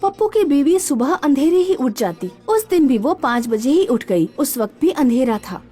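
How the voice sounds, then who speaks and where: A woman telling a scripted horror story in a lively, expressive way. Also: sits high, moderate pace, faint music behind.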